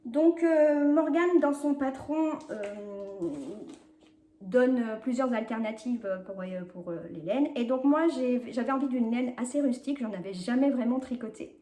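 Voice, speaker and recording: A woman hosting a knitting vlog, chatting in a hesitant, filler-heavy way as she shows her projects, sometimes rushing and apologizing for talking fast. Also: on the high side, warm tone. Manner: chatty, hesitant with many fillers, laughs often. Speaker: knitting podcast host. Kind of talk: casual knitting vlog chat. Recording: echoey home room.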